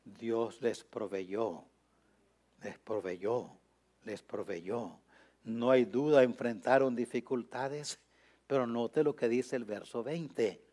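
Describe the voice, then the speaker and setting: A man preaching a sermon as a pastor, swinging from quiet, confiding asides to loud, impassioned climaxes, speaking to radio listeners. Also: mid-range voice, takes it slowly. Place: radio broadcast.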